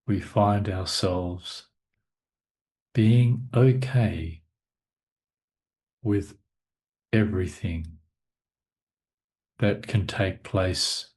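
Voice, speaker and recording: In a low-pitched voice with a darkish tone, a male teacher leads a guided meditation, speaking in short, measured lines with long gaps in between.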